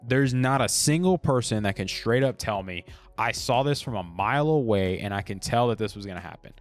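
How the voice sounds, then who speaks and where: Blunt, low-voiced man with faint music. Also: lively intonation, fairly quick. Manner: blunt, opinionated, conversational with frequent fillers. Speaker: podcast host. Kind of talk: unscripted solo commentary.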